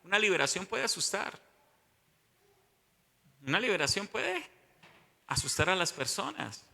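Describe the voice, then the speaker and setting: A man's voice: high voice, very animated, measured pace, creaky, sharp tone, long reverb tail. A male pastor, teaching a sermon and often asking the congregation questions.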